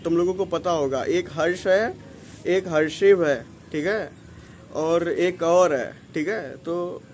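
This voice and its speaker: A male vlogger telling a story in a casual, animated, emotional way, full of slang and swearing. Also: sits high, slight background noise.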